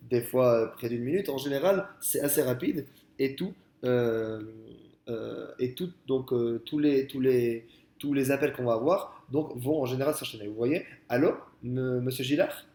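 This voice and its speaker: A man talking through a software tutorial in a casual, explanatory way, with many fillers and restarts, speaking into a headset. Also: medium pitch, moderate pace, roomy sound. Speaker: software trainer. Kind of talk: screen-recorded software tutorial.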